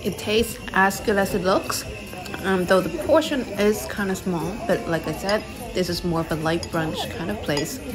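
A woman's voice: mid-range voice, normal speed, music in the background. A young woman narrating a casual shopping vlog in a chatty, descriptive way. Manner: chatty, descriptive, reviewing products. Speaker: vlogger.

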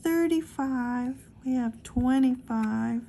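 A woman's voice: high-pitched, vocal fry, dark tone, slight background noise. A woman casually calling out the numbers one by one as she scratches lottery tickets at a table. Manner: slow, calls out numbers one by one.

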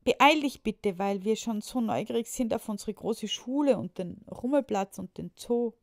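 A woman reading a children's story aloud, voicing an eager young boy who talks in an excited, pleading way. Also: medium pitch, measured pace, no room sound, clean studio sound, voice pushed up. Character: eager young boy Julius, the mayor's son.

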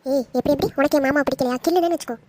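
A mischievous young man from a cartoon who loves to tease, played by a woman. The voice is high and fast, with a cheeky bounce to it. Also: noisy background, close to an everyday voice. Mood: teasing. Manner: mischievous, quick. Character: teasing young man, heroine's cousin.

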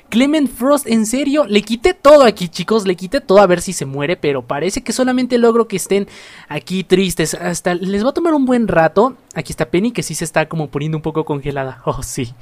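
A man doing playful, chatty let's play commentary for a life-sim game, reading game text aloud and laughing often between lines. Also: high voice. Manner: playful, chatty, swings between loud exclamations and murmured asides; laughs often while talking. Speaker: gaming YouTuber.

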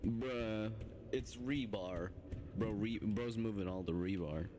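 Brief: lower-voiced relaxed gamer buddy, slow drawl, noisy mix. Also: male voice. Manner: laid-back, laughs a lot. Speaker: gaming friend. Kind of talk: casual gaming chat. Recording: noisy game-audio background.

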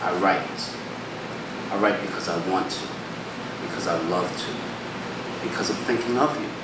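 A man performing his own spoken word poems at an open mic, with a rhythmic, rhyming delivery and dramatic pauses. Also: low voice. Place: small poetry theater stage. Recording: echoey room, distant mic, background hum.

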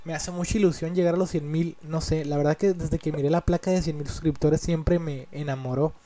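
A man's voice: fairly high pitch, fairly even intonation, fairly quick, a crowd in the background. A man with a Mexican accent chatting casually over gameplay as a gaming YouTuber, rambling and complaining in an annoyed way.

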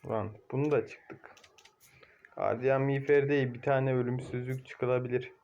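A young man casually commentating his own mobile game match, excitable, cursing at teammates and shouting now and then. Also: mid-range voice, normal speed, dull audio, slight background noise. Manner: excitable, swears and shouts at teammates, laughs loudly.

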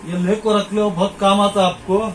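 In a cramped, cluttered shop indoors, a middle-aged man from India demonstrates fishing gear for the camera, going over his points repeatedly and pointing things out to the viewer. His voice is high with little pitch movement at a normal speed, and the rough audio has slight background noise.

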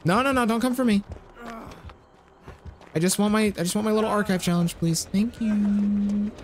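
A man streaming a horror game live, swearing freely and yelling dramatic cries for help as he plays. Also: high-pitched, a little fast. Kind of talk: live gameplay commentary. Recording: music playing in background.

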